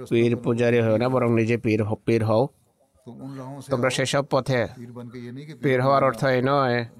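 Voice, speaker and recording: A man preaching a sermon in a steady, flat delivery that barely rises or falls. He speaks in measured, exhortative phrases and pauses over his words, with an occasional stumble and restart. His voice sits at an ordinary middle pitch for a man. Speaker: religious speaker.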